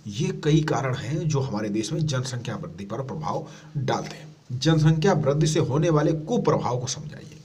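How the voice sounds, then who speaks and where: A man teaching an exam-prep lesson, reading each question and then giving the answer in a lower voice, explaining patiently. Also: expressive, moderate pace, a little mellow, recorded from a distance.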